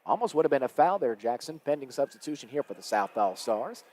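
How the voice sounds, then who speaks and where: A man calling live high school basketball play-by-play, quick and energetic as the action rises. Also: slight background noise. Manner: rapid and energetic, rising with the action. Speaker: play-by-play announcer.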